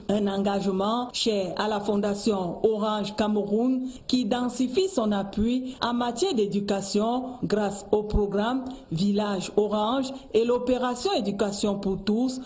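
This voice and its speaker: A woman's voice: mid-range voice, warm tone. Woman reading a formal news report. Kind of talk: scripted news report voice-over.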